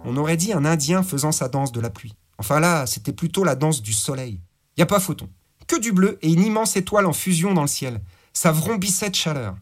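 A man's voice: a little high, animated, brisk, faint music behind. A man narrating a gritty crime story in slangy, vivid audiobook style. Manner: slangy, vivid, voices characters. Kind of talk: audiobook narration with character voices.

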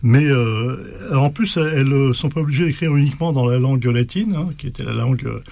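A man's voice: mid-range voice, fast talker, creaky, darkish tone, no room sound. A man explaining medieval verse in casual talk, rambling, with many fillers and restarts. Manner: recites a poem in Esperanto in a rising, sing-song lilt. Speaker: guest explaining medieval poetry. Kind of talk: casual chat.

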